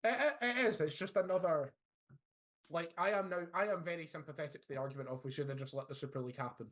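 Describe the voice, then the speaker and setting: A man's voice: fairly high pitch, fast, fairly bright tone. A man co-hosting a casual football podcast, blunt and opinionated. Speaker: podcast co-host.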